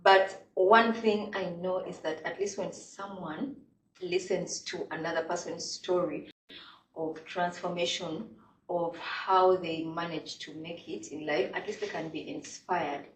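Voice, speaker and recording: A woman hosts a casual podcast interview, chatting freely and leaning heavily on "like" as a filler. Her voice is lowish, steady, and unhurried, picked up by a distant mic in an echoey space.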